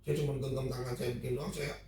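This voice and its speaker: A man's voice: medium pitch, little pitch movement, fast, distant mic, a crowd in the background. Man sharing a testimony in an echoey room. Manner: emotional, repeats phrases, many restarts. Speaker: church small-group member sharing testimony. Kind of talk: casual testimony in a church group discussion. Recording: echoey room, speaker off-mic.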